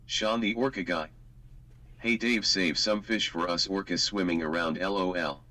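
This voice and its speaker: A synthetic text-to-speech male voice reading viewer chat messages aloud in a flat robotic delivery. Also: low voice, moderate pace.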